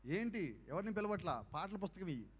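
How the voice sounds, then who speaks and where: A man preaching a youth sermon, firing rhetorical questions at the crowd and swinging between soft asides and loud exhortation. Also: high-pitched, sing-song, fairly quick, breathy edge. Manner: fires rhetorical questions at the audience. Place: youth camp meeting hall. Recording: echoey hall with long reverb.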